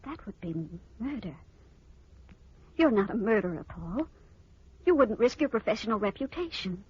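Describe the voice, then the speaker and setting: An actress playing an anxious, devoted wife in a 1940s radio drama, heard over an old AM radio broadcast. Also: female voice, a little high, sing-song, normal speed, a little mellow, slightly rough, muffled recording, full character voice. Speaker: worried wife.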